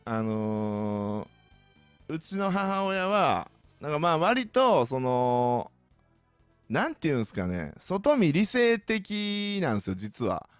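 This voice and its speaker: Lively Kansai man chatting on a podcast. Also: fairly high pitch, slow pace, clean tone, no echo, soft background music. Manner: animated, joking, mimics others' voices. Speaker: podcast host. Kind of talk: casual solo storytelling.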